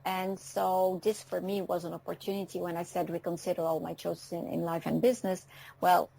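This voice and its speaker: A woman's voice: lowish voice, flat delivery, gravelly, dark tone, poor audio. A woman in her fifties from France, whose first languages are French and Dutch, speaking as a guest on an internet radio show. She talks in a reflective way and often stops to say "um.". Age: 50s. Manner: reflective, pausing often with ums.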